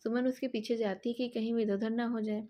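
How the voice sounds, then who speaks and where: A woman narrating an audio story in a calm, steady reading voice. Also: a little high, brisk.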